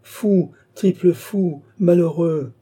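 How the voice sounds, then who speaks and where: A man reading an audiobook, voicing an old, scheming nobleman marshal who mocks and bursts into sharp exclamations. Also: mid-range voice, animated, normal speed, slightly rough. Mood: exclaiming. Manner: exclamatory, mocking, rising to sharp outbursts. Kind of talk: audiobook reading of a classic novel.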